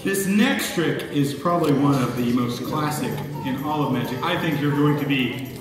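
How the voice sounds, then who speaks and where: A man's voice: on the high side, moderate pace, recorded from a distance. A man performing live comedy magic patter like a kids' party magician, playfully bumbling and coaxing his audience along. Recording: echoey hall from afar, loud music.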